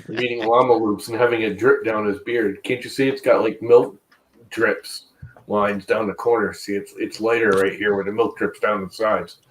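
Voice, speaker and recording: A man's voice: lowish voice, fairly even intonation, normal speed, slight background noise, poor audio. A man in his fifties in a casual group chat, blunt and ranting, swearing casually. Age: 50s.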